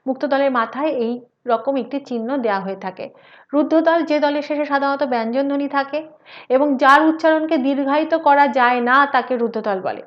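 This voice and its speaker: A woman lecturer reading out a scripted educational lecture, measured and careful as she reads each definition aloud. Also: high-pitched, muffled recording. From West Bengal, India.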